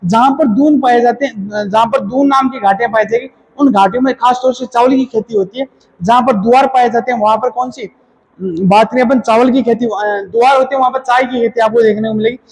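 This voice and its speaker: A man's voice: very high-pitched, fairly even intonation, brisk, creaky, slightly rough, low-quality recording. A male teacher giving an exam-prep geography lecture in a casual explaining tone. He often repeats key terms back as quiz questions and corrects himself mid-sentence.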